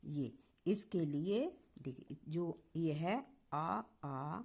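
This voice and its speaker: A woman teaching a grammar lesson online, explaining patiently, sounding out syllables slowly and asking the class questions. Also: low voice, expressive, darkish tone, slightly rough.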